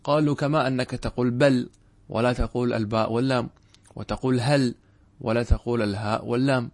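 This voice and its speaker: A man teaching a grammar lesson in a measured way. He repeats key points and often stops to check that his listeners understand. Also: medium pitch, fairly even intonation, a little mellow. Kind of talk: classroom lesson explaining a text.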